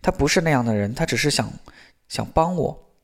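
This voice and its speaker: A man's voice: mid-range voice, animated, a little fast, lightly acted. A man reading the lines of a nervous teenage schoolgirl who answers hesitantly and defensively. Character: shy, flustered teenage schoolgirl.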